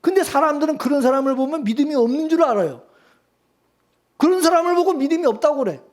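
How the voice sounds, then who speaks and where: A male pastor preaching a sermon, firing rhetorical questions at the congregation and swinging from loud urging to hushed calm. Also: very high voice, quick pace.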